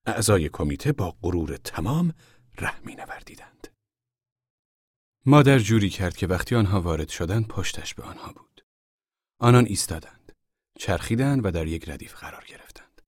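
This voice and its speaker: Male audiobook narrator, low voice, lively intonation, measured reading, dry close sound. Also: husky, dry recording. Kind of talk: scripted narration.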